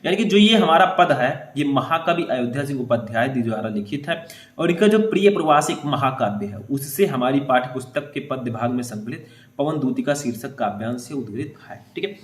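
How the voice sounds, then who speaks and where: A man's voice: mid-range voice, animated, a little fast, reverberant. A young man teaching students how to write exam answers, reading passages aloud and often checking in with short asides like "ठीक है". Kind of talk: explaining exam answer writing.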